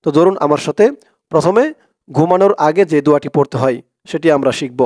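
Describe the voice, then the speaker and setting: A man with a Bangladeshi accent teaches Arabic prayers. He spells out the syllables quickly, then chants the whole words slowly. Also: on the high side, darkish tone, dry recording, studio quality. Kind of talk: spelled-out recitation lesson.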